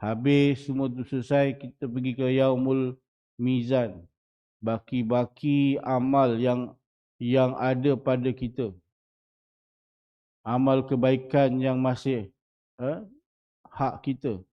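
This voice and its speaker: A Malaysian Malay-accented man in his forties, a religious teacher, gives a dawn lecture in a small prayer hall, often posing rhetorical questions to listeners. His mid-range voice is level and slow, with frequent pauses. The recording is muffled and lo-fi.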